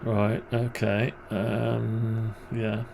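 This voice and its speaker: In this programming tutorial, a man thinks aloud over his on-screen work, grumbling wryly under his breath. He speaks extremely slowly in a fairly low, creaky monotone, against a noisy background.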